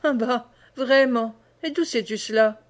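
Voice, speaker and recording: A woman voicing a wary young peasant man, speaking lower and more softly than her own voice. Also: a little slow, close to an everyday voice.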